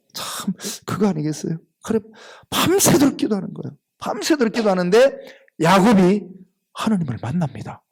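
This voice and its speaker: A male pastor with a Gyeongsang accent preaching a sermon in a church, telling the story with lively acted-out lines. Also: high voice. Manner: animated storytelling, acts out biblical characters' lines. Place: church sanctuary.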